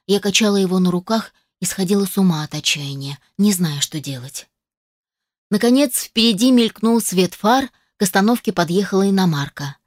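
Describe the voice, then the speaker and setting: A woman's voice: mid-range voice, moderate pace, no room sound. A woman reading a dramatic first-person story aloud, emotional and distressed, on a close microphone. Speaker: audiobook narrator.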